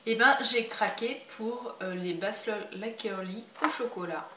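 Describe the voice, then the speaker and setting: A woman's voice: mid-range voice, unhurried. A French woman vlogger chatting casually through a haul video, hesitant with many fillers. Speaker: beauty and lifestyle vlogger. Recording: roomy home recording with faint background noise.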